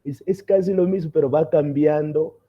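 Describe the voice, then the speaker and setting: Guy on a podcast, really mellow dark voice, kinda muffled audio, keeps restarting words. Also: fairly high pitch, fairly even intonation, normal speed. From Mozambique. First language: Portuguese. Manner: hesitant, restarts words, thinks aloud. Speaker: podcast guest, dance teacher. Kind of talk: casual interview chat.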